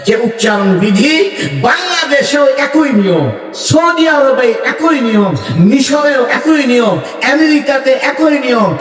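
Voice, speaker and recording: A man preaching at a clerics' conference, his high voice leaping about as he piles up lists and rises to loud declarations. He is heard from some distance, through heavy echo and a long hall reverb. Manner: emphatic, building lists, rising to loud declarations. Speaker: Islamic scholar speaking at a clerics' conference. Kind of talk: Bengali religious speech to a crowd. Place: large hall or outdoor stage with PA.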